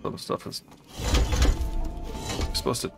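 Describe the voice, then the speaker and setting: Loud music plays behind a man speaking slowly as he casually comments on a co-op game while playing it. He thinks aloud, sounding unsure as he works through a puzzle.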